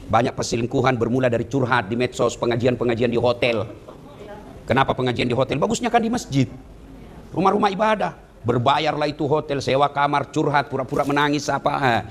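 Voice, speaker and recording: A man giving a humorous sermon, teasing his audience and swinging between high exclamations and low, earnest asides. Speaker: Islamic preacher.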